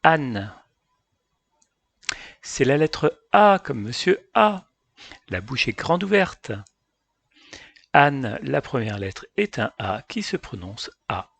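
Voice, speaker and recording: A man teaching a phonics lesson for young children, calmly addressing parents and carefully sounding out each letter. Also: mid-range voice, slow, gravelly, breathy edge. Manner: addresses parents directly, calm and patient.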